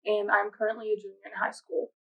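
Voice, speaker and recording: A seventeen-year-old girl giving hesitant, soft-spoken interview answers. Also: mid-range voice, flat delivery, quick pace, creaky, narrow, tinny audio, a little hiss or hum. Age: teens.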